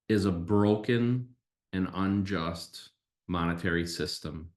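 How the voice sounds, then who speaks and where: A man hosting a podcast, delivering an opinionated monologue and explaining his points emphatically, step by step. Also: low voice. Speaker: podcast host. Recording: roomy, echoey sound.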